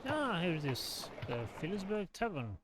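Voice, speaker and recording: A man with a high, very animated voice narrates in character as a game-playing storyteller. He is polite, theatrical and hesitant. Game ambience is clearly heard behind him. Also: normal speed, noisy background.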